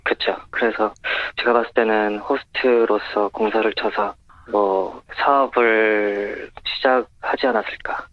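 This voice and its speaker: Man with a deep, disguised voice. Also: steady tone, measured pace, few pauses, dry recording. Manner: brief, matter-of-fact answers. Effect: voice disguised by a pitch-lowering voice changer. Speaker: anonymous witness on a phone link. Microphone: phone call. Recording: dull, muffled phone-line sound.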